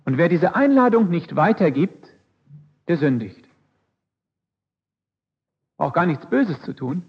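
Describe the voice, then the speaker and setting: Emphatic, husky-voiced male preacher. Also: a little high, sing-song, takes it slowly. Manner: emphatic, with rhetorical questions and repeated phrases. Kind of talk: sermon. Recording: dull lo-fi recording.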